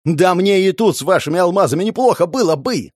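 A man voicing a panicking, furious male enforcer who shouts and curses. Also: a little high, big pitch swings, fairly quick, husky, no echo, studio quality, voice pushed up, exaggerated voice. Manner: shouting, cursing, frantic.

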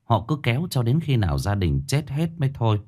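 A man's voice: mid-range voice, very animated, a little fast, darkish tone. A man narrating a horror story with a dramatic, suspenseful delivery.

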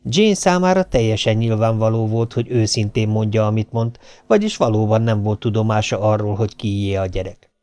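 A man giving a steady, measured audiobook narration. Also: lowish voice, smooth, no room sound. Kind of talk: scripted narration.

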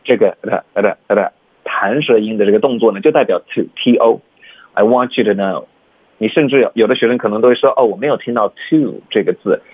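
Low-voiced man teaching pronunciation, phone-like sound. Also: husky, no echo. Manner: breaks sentences into sounds and repeats them slowly. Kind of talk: bilingual teaching, mixing Chinese and English.

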